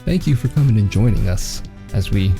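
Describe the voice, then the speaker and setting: A man's voice: fairly low pitch, lively intonation, brisk, gravelly, over music. A man hosting a live tech chat show, talking casually and teasing his co-host in joking banter.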